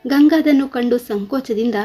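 A woman reading a scripted story aloud in a steady, earnest way. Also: sits high, moderate pace, slightly rough, soft background music.

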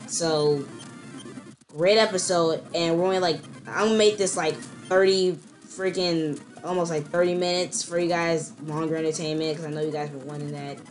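A young woman commentating her own gameplay, ranting in exasperation and jumping up to squealing high notes. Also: steady tone, normal speed, faint music behind. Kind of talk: let's-play commentary.

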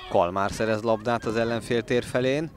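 A man giving excited sports commentary in Hungarian style, calm play-by-play that leaps into raised calls on chances. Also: medium pitch, slight background noise. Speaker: football match commentator.

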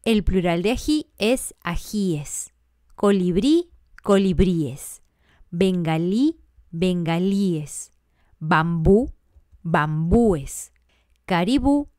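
A woman gives a grammar lesson at an unhurried, measured pace, listing examples one by one. Her voice is smooth and resonant, recorded close and dry with no room sound. Her pitch sits in a middle range. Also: warm tone, no echo. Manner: deliberate, spells out letters and lists examples one by one. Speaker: teacher. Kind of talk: slow scripted grammar lesson.

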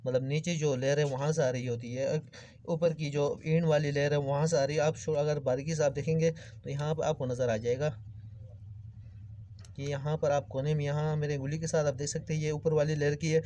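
A man presents a casual hands-on electrical repair tutorial, addressing his viewers as friends and explaining each step. His voice is on the high side, warm and brisk with flat delivery, and the background is clearly noisy with clicks.

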